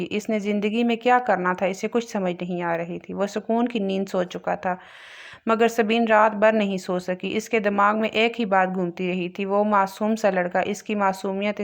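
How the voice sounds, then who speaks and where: A woman reads a romance novel aloud in a steady, emotive storytelling manner. Her pitch sits in the middle of the range. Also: moderate pace, vocal fry. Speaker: audiobook narrator. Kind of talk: scripted novel narration.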